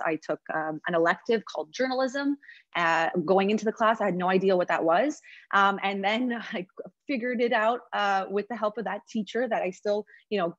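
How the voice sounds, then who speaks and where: A woman's voice: mid-range voice, no room sound. A woman in her late twenties from Montreal, a news reporter speaking as a guest to journalism students over a video call, talking in a conversational way with many fillers and restarts. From Montreal, Canada. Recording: dull dry video-call audio.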